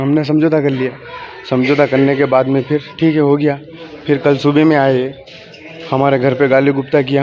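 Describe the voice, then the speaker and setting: A man from a village telling an interviewer about an attack, halting and repeating himself. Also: medium pitch, darkish tone. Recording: muffled lo-fi sound.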